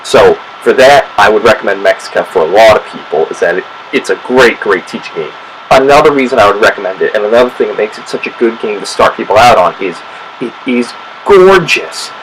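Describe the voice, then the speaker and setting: A man with a fairly low voice talks through a board game in a relaxed, chatty way. He stops to correct himself and fills gaps with small hesitations. A faint hum of room noise sits behind him. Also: fast talker, poor audio. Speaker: board game reviewer, host. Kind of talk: casual spoken review.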